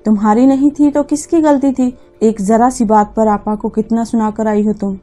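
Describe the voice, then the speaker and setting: A woman's voice: medium pitch, little pitch movement, normal speed, mellow, soft background music, lightly acted. A woman voicing a middle-aged mother who scolds and reproaches firmly. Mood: scolding.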